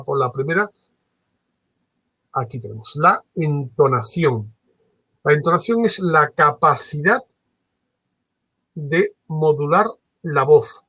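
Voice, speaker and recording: A man lecturing as a trainer in a workshop, animated and varying his tone on purpose, with many fillers. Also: on the high side, breathy edge, no room sound, low-quality recording. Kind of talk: workshop lecture on phone customer service.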